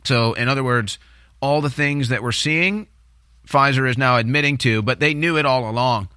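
An American talk show host with a bright, clean, mid-range voice delivers an opinionated political rant at normal speed. He sounds agitated, conspiratorial, and distrustful. He's on a close studio mic, with a music bed playing behind him.

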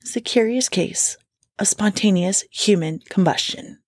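Co-hosting a laid-back podcast, a woman tells a bizarre true-crime story in an unhurried, mid-range voice, swearing playfully and reading quotes out. The sound is dry and of studio quality.

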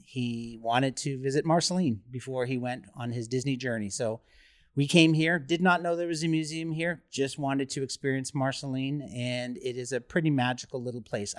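A man's voice: medium pitch, no room sound, studio quality. An easygoing middle-aged man from Canada giving a casual interview through a face mask. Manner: affable, easygoing. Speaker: museum creative director, interview guest. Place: in a museum.

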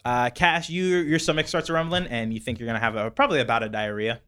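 A man's voice: mid-range voice, fast talker, fairly bright tone, smooth, no room sound. A man acting as game master, narrating a tabletop game in a hesitant way full of fillers. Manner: hesitant, many fillers, laughs often.

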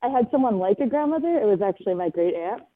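A woman's voice: medium pitch, animated, fast talker. A woman calling in to a show, heard over a phone line, giving polite, brief answers. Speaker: caller. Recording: tinny phone-line call audio.

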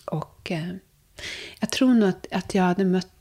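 A young adult woman speaking softly and reflectively as a podcast guest, sometimes dropping to a hush. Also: fairly low pitch. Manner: soft, searching, drifts into hushed whispers. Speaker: guest, vocal coach and therapist. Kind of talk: reflective conversation.

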